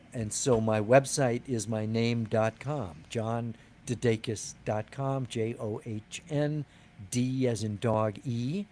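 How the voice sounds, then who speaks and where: An older man in his sixties, guesting on an interview show as a novelist. He talks in a loose, friendly, rambling way, often restarting a sentence before he lands it, at a mid-range pitch for a man. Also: a little mellow, a little hiss or hum. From United States. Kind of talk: casual interview chat.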